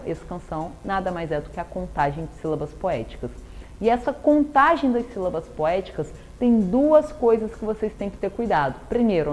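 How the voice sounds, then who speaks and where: A woman's voice: mid-range voice, darkish tone. A woman with a Brazilian Portuguese accent teaching a literature lesson, explaining step by step with rhetorical questions and a frequent tag "né?". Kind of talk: recorded classroom lesson.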